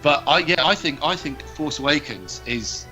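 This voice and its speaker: Bright-voiced man chatting. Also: on the high side, lively intonation, normal speed, faint music behind. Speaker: comedy podcast co-host, guest. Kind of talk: casual chat.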